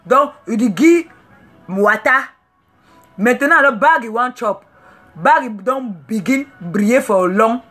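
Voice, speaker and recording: A woman giving a comic rant as a self-styled chancellor, in a rambling, excitable way. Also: fairly high pitch, slow pace, faint music behind.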